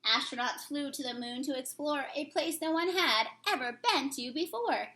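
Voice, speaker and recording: Female teacher, children's read-aloud, sing-song delivery, bright high voice. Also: normal speed, a little hiss or hum. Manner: sing-song, expressive storybook reading. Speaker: teacher reading a picture book aloud.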